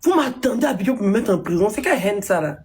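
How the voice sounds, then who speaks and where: A woman on a phone live stream, scolding her critics with indignant rhetorical questions and sudden high exclamations. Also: animated, very fast, darkish tone. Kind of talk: social media livestream rant.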